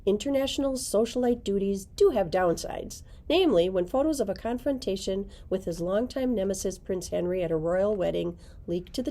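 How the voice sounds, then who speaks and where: A middle-aged woman, a librarian, speaks to a camera in a library, recommending books and reading their blurbs aloud. Her voice is warm and sits in the mid range.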